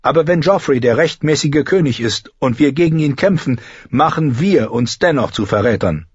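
A grave young lord, stubborn and grim, carried through in a husky register as a man reads him aloud. His pitch moves in lively swings, and the sound is dry and a little dull, like an audiobook. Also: normal speed, no room sound. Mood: earnest. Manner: firm, grim.

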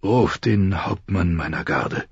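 A man's voice: sits low, slow, gravelly, husky, no room sound, lo-fi sound, heavily acted. Man reading a weary, wounded lord.

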